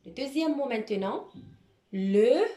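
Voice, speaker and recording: Speaking unhurriedly in a slightly high, animated and somewhat mellow voice, a woman primary school teacher dictates to children. She articulates each word with care and repeats it twice, and the space sounds echoey and roomy.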